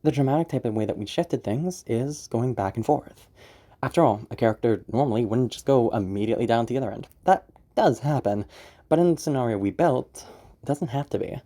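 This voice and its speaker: A man's voice: medium pitch, warm tone. Man giving a rambling voice acting tutorial. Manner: rambling, laughs often, restarts. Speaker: voice acting teacher. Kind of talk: casual spoken tutorial.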